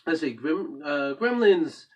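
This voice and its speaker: A man's voice: fairly high pitch, sing-song, slow pace, darkish tone, far from the mic. A man co-hosting a casual movie chat, joking and rambling, often trailing off mid-sentence. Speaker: co-host of a movie review show.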